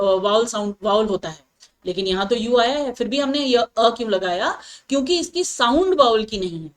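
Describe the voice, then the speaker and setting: A woman English teacher, a native Hindi speaker, explains grammar patiently, repeats her points, checks that students follow, and reads example sentences slowly. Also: on the high side.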